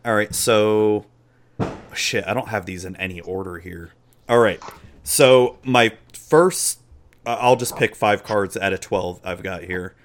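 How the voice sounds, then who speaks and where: A man's voice: lowish voice, a little slow. A man co-hosting a casual podcast chat, laid-back and joking, often trailing off with fillers. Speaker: podcast co-host. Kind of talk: casual chat about a card game.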